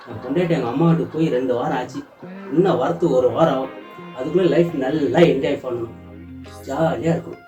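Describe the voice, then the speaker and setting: A man's voice: fairly high pitch, echoey room, distant mic. A man acting out a husband in a comedy sketch, coaxing and teasing his tearful wife. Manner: sweet-talking, coaxing, teasing. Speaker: comic actor playing a husband.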